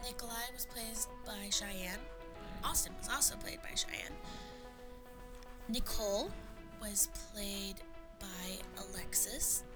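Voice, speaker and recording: A woman reading the cast credits of her audio drama in a tired, soft-spoken way. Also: medium pitch, slow pace, long pauses, over loud music. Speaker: show creator reading credits. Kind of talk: casual credits.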